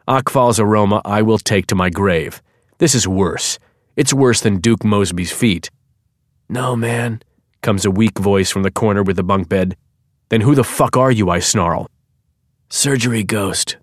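Male audiobook narrator, lowish voice, sardonic deadpan read, dry close-miked studio sound. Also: no room sound. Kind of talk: scripted first-person narration.

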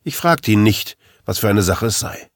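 Deep-voiced man, wry audiobook narrator. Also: lively intonation, moderate pace, no echo. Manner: dry, wry first-person storytelling.

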